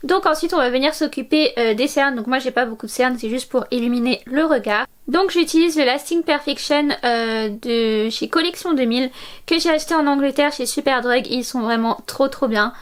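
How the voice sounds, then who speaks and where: High-pitched chatty young woman vlogger. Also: moderate pace. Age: 20s. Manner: chatty, many fillers, enthusiastic about products. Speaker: beauty vlogger. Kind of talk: makeup tutorial narration.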